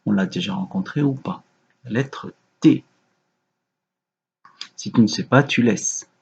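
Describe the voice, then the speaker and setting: A man teaching young children a remote lesson, giving slow, patient, gentle instructions. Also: medium pitch, creaky, slightly rough, highs cut off. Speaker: kindergarten teacher.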